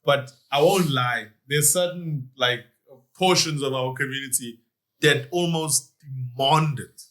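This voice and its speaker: A man's voice: medium pitch, measured pace. A man, a comedian guest on a studio podcast, telling stories animatedly and acting out what people said. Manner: animated storyteller who acts out what people said. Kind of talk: casual podcast chat.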